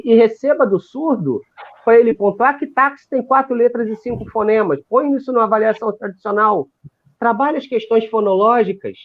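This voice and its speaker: A man educating deaf students gives an animated, lecturing explanation in a live video call, with frequent restarts. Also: high voice. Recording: tinny phone-like live stream audio.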